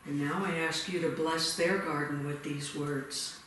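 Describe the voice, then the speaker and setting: A man guiding a meditation in a retreat room, giving slow, soft-spoken instructions. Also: a little high, fairly even intonation. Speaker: meditation leader. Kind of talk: guided meditation. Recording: echoey room, distant mic, faint hiss.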